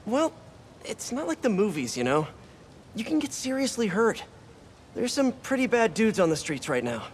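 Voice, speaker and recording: High-voiced, wry young superhero. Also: male voice, big pitch swings, moderate pace, slight background noise. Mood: earnest, concerned. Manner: conversational, wry, quippy asides to himself. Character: earnest, wisecracking young male superhero.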